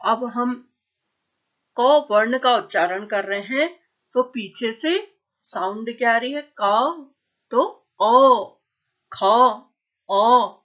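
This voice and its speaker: Slow, patient woman teacher. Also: fairly high pitch, fairly bright tone, highs cut off. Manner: slow, patient, asks questions and answers them herself. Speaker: school teacher. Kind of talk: classroom grammar lesson.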